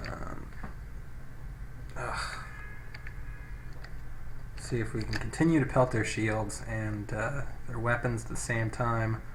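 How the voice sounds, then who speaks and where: A gameplay video host gives casual commentary in a lowish, steady voice, speaking slowly and pausing often. He thinks aloud with some hesitation and reads on-screen text, all captured on a poor, noisy low-quality microphone.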